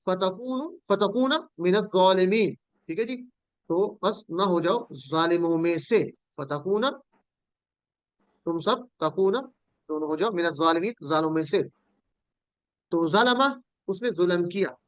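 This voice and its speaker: A man's voice: high-pitched, unhurried, dry recording, muffled recording. A man from Pakistan teaching Quranic Arabic in an online class, patiently drilling word forms and calling on students.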